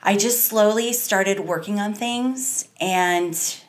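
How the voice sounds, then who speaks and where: A woman's voice: medium pitch, slow pace. A woman in her thirties, a salon owner, talking as a podcast guest in an earnest, reflective way, stringing long thoughts together, recorded on a desk mic in a small studio. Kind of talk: podcast interview. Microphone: studio mic on a desk stand, wearing headphones.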